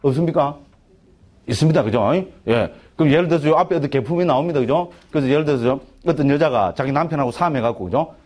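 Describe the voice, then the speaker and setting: In a fairly high, darkish voice and at a fast clip, a middle-aged monk with a Gyeongsang Korean accent talks through a Buddhist text in a chatty class lecture. He keeps asking "right?" and restarts his sentences again and again.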